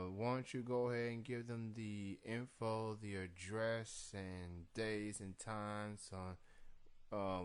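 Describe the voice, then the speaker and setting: Slow, smooth-voiced male interviewer. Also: fairly low pitch. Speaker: interview show host. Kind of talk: unscripted radio-style interview.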